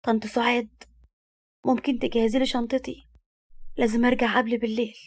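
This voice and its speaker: A woman's voice: on the high side, level tone, brisk. A woman voicing a weak, heartbroken young wife in an Egyptian Arabic accent, speaking faintly. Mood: sorrowful. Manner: faint, sorrowful.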